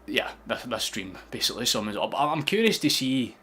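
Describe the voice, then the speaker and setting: Bright-voiced excitable Scottish young man. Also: medium pitch, a little fast, a little hiss or hum. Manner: excitable, sweary, laughing often. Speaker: football streamer hosting a watchalong. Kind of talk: casual live-stream chat.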